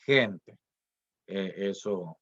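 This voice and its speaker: A man's voice: low voice, extremely slow, fairly bright tone, breathy edge, muffled recording. A man giving a recorded online class, hesitant, with many fillers and restarts and rhetorical questions. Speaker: lecturer.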